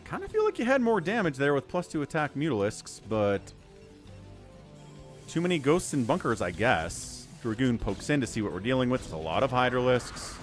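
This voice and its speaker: Animated man casting a game. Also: medium pitch, normal speed, soft background music. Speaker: livestream game commentator. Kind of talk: casual esports commentary.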